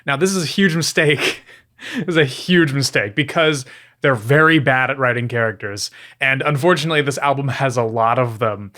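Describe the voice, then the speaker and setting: A man's voice: medium pitch, normal speed, sharp tone. A man hosting a comedic review, with sarcastic, exasperated asides. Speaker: reviewer, video host.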